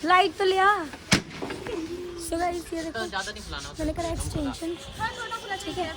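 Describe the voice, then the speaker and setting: A young woman with a hoarse voice chatting playfully to her viewers on a phone camera from a busy family rooftop. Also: extremely high pitch, expressive, slow, heavy background noise. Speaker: vlogger. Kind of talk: casual vlog chat. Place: home rooftop with family around. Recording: crowd of family chatter behind.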